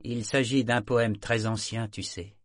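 A man voicing a wounded pirate captain in pain, speaking weakly in a low, tired voice. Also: fairly even intonation, measured pace, no room sound, studio quality, natural voice. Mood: weary low. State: in pain, weak.

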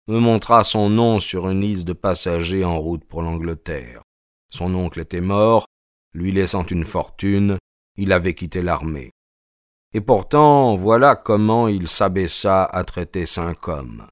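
A man narrates a novel in the first person with measured, steady storytelling. His voice sits very low. The recording is close and dry, with no room sound. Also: no room sound. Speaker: audiobook reader.

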